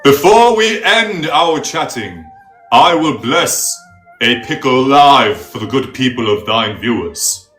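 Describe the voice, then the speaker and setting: A grandiose pickle priest, as a man puts him on, who delivers solemn mock-archaic decrees at a slow, stately pace. His pitch swoops from deep, dropped tones to sudden lifts. The room is roomy and echoey. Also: sing-song, fairly bright tone, faint music behind. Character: pompous self-styled male pickle priest. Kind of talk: comedic character interview.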